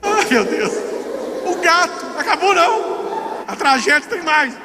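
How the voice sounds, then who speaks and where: A man preaching in an animated, comic way, acting out every scene of his story. His voice is very high and bright, swinging lively in pitch, and it rings with a long hall echo. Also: measured pace, a crowd in the background, noisy background. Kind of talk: sermon storytelling. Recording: echoey hall.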